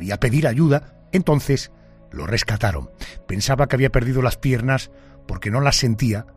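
A man hosting a broadcast interview and narrating in a measured presenter's way. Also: medium pitch, husky.

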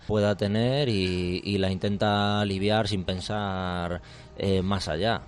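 A male police commander with a Spain Spanish accent, answering interview questions in a measured, formal way with frequent hesitations. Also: sits low, a little mellow. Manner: measured, formal, hesitant with many fillers and restarts.

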